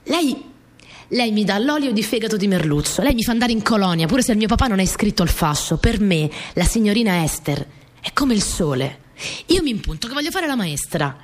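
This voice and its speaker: An actress delivers a radio-play monologue as a young Italian peasant girl, earnest, plainspoken and stubborn, telling her story naively and colloquially while repeating phrases for emphasis. Her lowish voice is lightly acted, conveying a stubborn, admiring mood, with music playing behind her.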